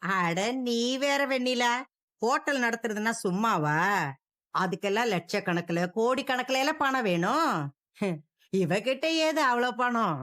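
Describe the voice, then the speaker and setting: A woman's voice: on the high side, expressive, measured pace, fairly bright tone. A woman voicing a scornful old grandmother who taunts and sneers in a drama dub. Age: older. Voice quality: mocking, sneering.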